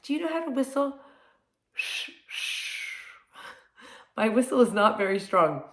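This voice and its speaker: A woman hosting a read-aloud for young children like a kids' show host, talking straight to them in simple words and expressive questions. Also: on the high side, fast. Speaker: kindergarten teacher reading picture books to children. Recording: echoey room sound.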